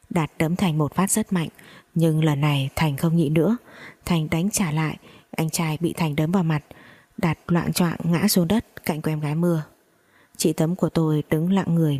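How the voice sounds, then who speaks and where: A woman narrating a dramatic first-person family story in a steady reading voice with gossipy asides to listeners. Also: sits low.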